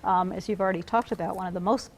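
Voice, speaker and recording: Earnest woman with a gravelly edge. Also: medium pitch, steady tone, racing. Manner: earnest, frequent ums. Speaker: guest, reading advocate. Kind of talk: studio interview.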